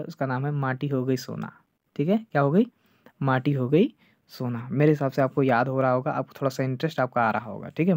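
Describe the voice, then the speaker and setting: A male teacher giving an online exam-prep lecture, checking "clear?" over and over and slowing down to drill names. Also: medium pitch, a little mellow, dry recording. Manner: repeats "ठीक है" and "clear है" often, drills names slowly. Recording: dull lo-fi dry sound.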